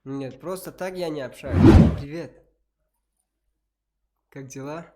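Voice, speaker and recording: High-voiced man with a Tajik accent. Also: slow pace, very noisy. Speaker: street-style singer chatting with strangers on video chat. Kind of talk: casual chat.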